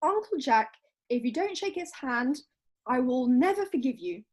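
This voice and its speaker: At an amateur play read-through, a woman voices a sweet yet bossy young Victorian girl who is effusive and coaxing, pleading and insistent in mood. Her high voice moves at normal speed with lively intonation and a slightly mellow quality.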